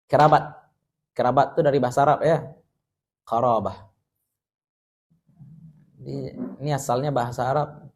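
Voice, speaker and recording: A male Islamic teacher with a Minangkabau accent gives a lively lecture. He explains Arabic words and jokes with his listeners. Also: medium pitch, moderate pace, long pauses. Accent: Minangkabau Indonesian. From West Sumatra. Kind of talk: religious study lecture.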